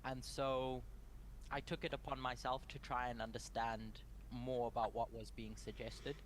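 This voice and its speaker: A young man from Zimbabwe leading a prayer and a Bible study, speaking in short measured phrases with pauses for an interpreter. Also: mid-range voice, flat delivery, slight background noise. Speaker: guest Bible study presenter.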